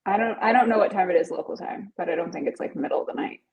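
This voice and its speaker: A woman's voice: mid-range voice, rapid-fire, vocal fry, darkish tone, rough recording. A woman co-hosting a podcast, upbeat and playful in casual chat. She closes out the episode and signs off. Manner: upbeat and playful, wraps up the show. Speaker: podcast co-host.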